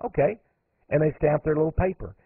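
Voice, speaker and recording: Heard through narrow, phone-like radio audio with no echo, a male radio host talks emphatically in a monologue, his pitch climbing steeply on stressed points. His voice is a little high, slightly rough, and a touch fast.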